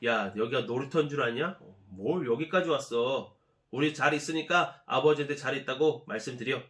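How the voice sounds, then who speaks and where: As a preacher plays them, the older brothers growl lower and gruffer than the storyteller. They brush off their young sibling with impatient scolding. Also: male voice, moderate pace, fairly bright tone, close to an everyday voice.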